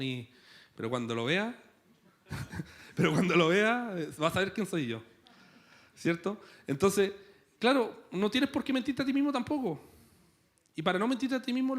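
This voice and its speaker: A man with a Chilean accent preaching a sermon in a church, conversational and playful, tossing in rhetorical questions. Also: sits high. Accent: Chilean Spanish. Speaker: pastor.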